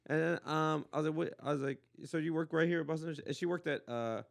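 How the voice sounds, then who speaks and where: A man from Los Angeles hosting a casual comedy podcast, telling a story with lots of restarts and animated jumps in his voice. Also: on the high side, quick pace, vocal fry. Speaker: host.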